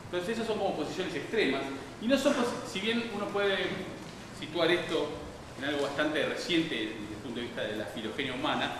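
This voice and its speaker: A man's voice: on the high side, brisk. A man giving a public science lecture, talking in a digressive way with many restarts and fillers. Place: lecture hall. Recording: distant, echoey hall, background noise.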